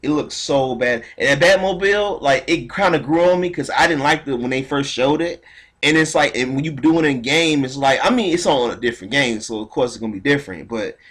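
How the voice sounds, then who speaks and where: A man's voice: medium pitch, a little fast, a bit bright. A man hosting a casual podcast pre-show, slangy and laid-back. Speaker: podcast host.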